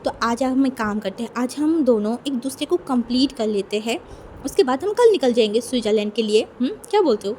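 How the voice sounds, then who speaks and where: A woman's voice: on the high side, lively intonation, fairly quick, a little hiss or hum, close to an everyday voice. A woman voicing a possessive, teasing young male lover in a fan fiction reading, talking in a coaxing, playful way. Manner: coaxing, playful, soft-spoken. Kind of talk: fan fiction read aloud.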